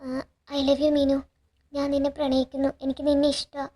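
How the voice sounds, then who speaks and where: A woman's voice: high-pitched, monotone, normal speed, mellow, natural voice. A woman reading out a nervous young man in love. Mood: pleading.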